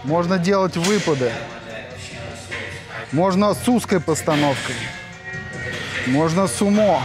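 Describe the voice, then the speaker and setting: Thirties male fitness vlogger, lightly high voice, eager chatty gym tour, music bed underneath. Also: lively intonation, slow pace. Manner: enthusiastic, chatty, hesitant fillers. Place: large indoor gym. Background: background music.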